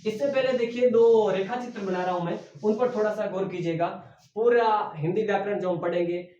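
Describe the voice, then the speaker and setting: This exam-prep grammar lecture comes from a man whose darkish voice sits high and moves fairly quickly. He repeats key words to the class as questions, then supplies the answers, and he's captured from a distance in an echoey room with dull sound.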